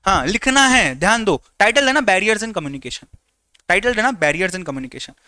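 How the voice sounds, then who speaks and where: Lively, teasing high-voiced male teacher. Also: fairly quick, no echo. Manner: lively, teasing, repeats instructions. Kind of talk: live online lecture.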